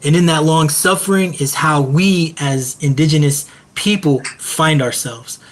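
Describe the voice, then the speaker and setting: A man speaking as a hip-hop artist on a panel, earnest and measured, with a rhythmic, reflective delivery. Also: a little high.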